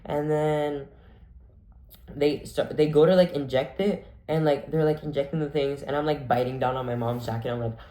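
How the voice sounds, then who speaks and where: A man's voice: a little high, fairly even intonation, moderate pace, mellow. A young man telling a story casually, full of "like" and acted-out quotes. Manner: chatty, full of "like", acts out quoted voices. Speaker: vlogger. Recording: echoey room.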